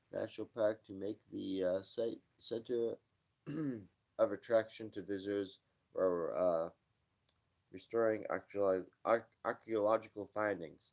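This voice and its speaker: Weary male streamer, low voice, reads news offhandedly and stumbles over words, dull lo-fi stream sound. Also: darkish tone. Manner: offhand, stumbling reader, dismissive asides. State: tired, yawning. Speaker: livestream host. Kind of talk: casual live-stream news reading.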